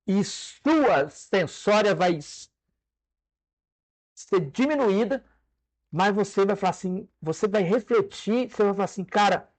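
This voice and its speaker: A Brazilian man preaching a sermon to his congregation, conversational and animated, with jokes and stage demonstrations. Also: high voice, measured pace. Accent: Brazilian Portuguese.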